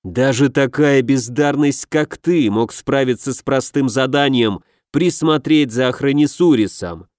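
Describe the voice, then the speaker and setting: A man voicing a furious dog-headed senior legate who speaks in slow, low, growling threats. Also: a little mellow, no echo, studio quality, lightly acted. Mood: menacing.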